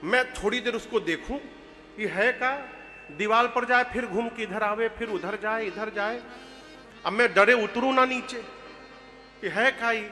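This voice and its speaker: A man, telling devotional stories with jokes, animated and bursting into loud chants. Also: high-pitched, measured pace, faint music behind. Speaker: religious storyteller. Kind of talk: humorous devotional storytelling.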